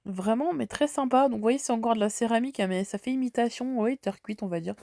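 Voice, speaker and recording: A woman's voice: fairly high pitch, quick pace, gravelly, warm tone, no room sound, clean studio sound. A woman from France with a slight head cold, chatting casually and enthusiastically while walking through a large store. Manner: chatty, enthusiastic, lots of fillers. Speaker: shopping vlogger. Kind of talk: casual shop walkthrough.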